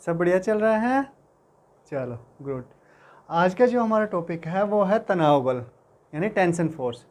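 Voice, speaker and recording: Teaching physics in Hindi to students preparing for exams, this man has a high, animated voice and a measured pace. He stays warm and reassuring, addressing them as "beta" and frequently checking they understand.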